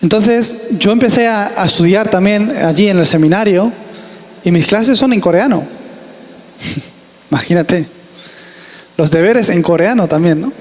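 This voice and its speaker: High-voiced Spanish man preaching earnestly. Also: measured pace, pauses often, a little mellow. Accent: Spanish from Spain. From Spain. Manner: earnest, emphatic preaching with repeated phrases. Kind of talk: sermon. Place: church hall. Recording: reverberant church hall.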